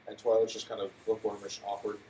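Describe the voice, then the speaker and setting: A man's voice: fairly low pitch, monotone, fast talker, dark tone, reverberant. A man co-hosting a casual podcast, rambling through his points with lots of fillers and building to exasperated questions. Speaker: podcast co-host. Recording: distant mic, faint noise.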